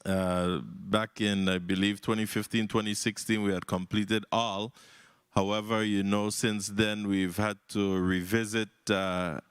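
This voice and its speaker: A man's voice: lowish voice, level tone, a little slow, clean tone, dry recording, studio quality. A man with a Virgin Islands accent, speaking as a senator at a legislative hearing in an informal, jovial, conversational way. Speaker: senator questioning at a budget hearing. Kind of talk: semi-formal remarks at a legislative hearing.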